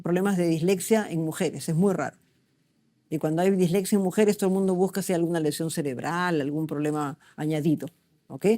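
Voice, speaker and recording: A woman's voice: sits low, warm tone. A middle-aged woman gives a medical lecture, asking the class questions and checking in with them often.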